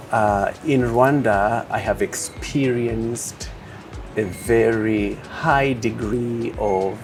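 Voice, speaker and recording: A man from Uganda answering interview questions as a project leader, speaking in a measured way with many pauses and fillers. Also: fairly low pitch, a little mellow.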